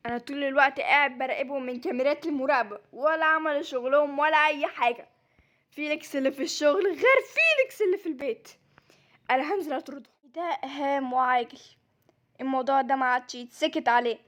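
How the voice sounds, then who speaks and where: A woman's voice: quick pace, fairly bright tone. Woman doing a stern Egyptian male boss. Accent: Egyptian Arabic. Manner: grave, lowered voice.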